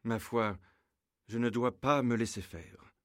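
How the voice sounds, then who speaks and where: A brave young troubadour knight speaks up boldly, as a man acts him out. His delivery is slow and declamatory, with a steady, mid voice. The sound is dry and close, like a storybook recording. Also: medium pitch, no room sound, close to an everyday voice. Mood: earnest.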